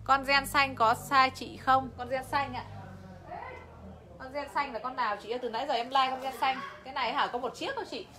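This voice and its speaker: A woman's voice: high-pitched, fairly even intonation, a little fast, bright, forceful tone. A woman selling clothes on a livestream, chatty and talking straight to her viewers. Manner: chatty, addresses viewers directly, laughs often. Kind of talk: live sales pitch.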